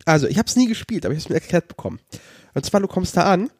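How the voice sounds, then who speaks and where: A man's voice: high-pitched, very animated, very fast, husky, dry recording, clean studio sound. A man co-hosting a podcast, talking casually in a sarcastic, ranting way. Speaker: podcast co-host.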